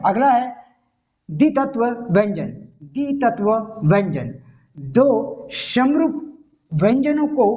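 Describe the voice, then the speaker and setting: A man's voice: extremely high pitch, warm tone. Man teaching grammar, dull lo-fi sound. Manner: explains step by step, often checking in with the listener. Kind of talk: classroom-style video lesson. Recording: dull lo-fi recording.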